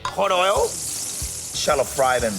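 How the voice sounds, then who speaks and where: A man shows how a recipe is made, step by step. He sounds upbeat and animated. Music plays clearly behind him. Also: high voice, takes it slowly. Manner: upbeat, animated, talks through each step. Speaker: TV chef. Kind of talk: cooking demonstration.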